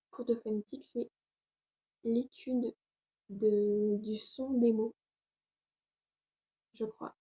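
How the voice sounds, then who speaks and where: A young woman gives a relaxed home lesson in a slow, hesitant, chatty way. Her voice is dark and somewhat husky. The recording sounds dull and lo-fi. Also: on the high side. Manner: chatty, hesitant, many fillers. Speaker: language tutorial host. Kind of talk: casual spoken lesson.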